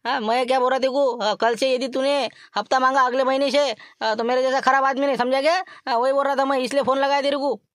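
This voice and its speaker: A man voicing a blustering, brash male dhaba owner who makes loud threats. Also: extremely high pitch, flat delivery, fast, clean tone, no room sound, clean studio sound, pitched above the performer's own voice. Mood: challenging.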